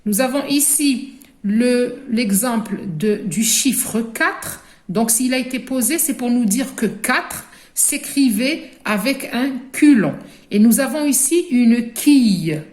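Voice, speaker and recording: A slow, deliberate woman with an Algerian French accent teaches a class of young children, stretching each word so they can repeat it. Her voice sits a little high. The room gives it a clear echo. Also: expressive, a little mellow. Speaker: primary school teacher. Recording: echoey room.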